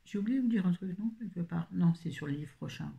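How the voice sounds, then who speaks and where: A woman's voice: lowish voice, animated, fast talker, vocal fry, warm tone. A middle-aged woman from France chatting casually about books she has read, rambling, correcting herself and dropping jokey asides. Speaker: book reviewer. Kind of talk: casual book review chat.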